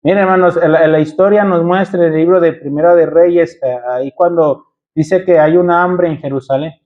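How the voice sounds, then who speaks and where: A Mexican pastor, a man, leads his congregation through a sermon, calling them brothers and pushing them with rhetorical questions. His voice sits high. The recording is muffled and lo-fi, as if captured inside a church. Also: fairly even intonation, moderate pace.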